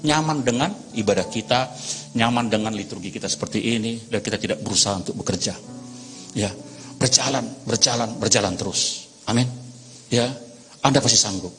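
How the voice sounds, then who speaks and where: Male pastor, lively sermon, long church-hall reverb, music underneath. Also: fairly low pitch, a little fast. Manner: lively, storytelling with acted voices.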